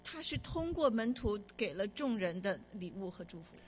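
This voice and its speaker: A woman's voice: medium pitch, big pitch swings, moderate pace, slight background noise. A woman interpreting a sermon line by line, speaking fluently with occasional restarts.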